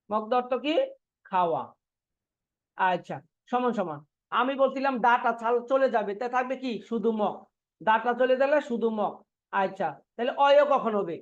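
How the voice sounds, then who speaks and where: Over lo-fi audio, a Bangladeshi man with an extremely high-pitched voice runs an online Korean class. He drills his students with the same questions repeatedly and supplies the answers himself.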